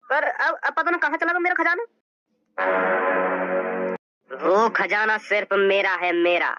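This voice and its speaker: A woman voicing a greedy, threatening male crime boss in a cartoon, speaking slowly and heavily. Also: mid-range voice, expressive, sharp tone, muffled recording, faint music behind. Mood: menacing. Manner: threatening, slow and heavy. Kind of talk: cartoon voice acting.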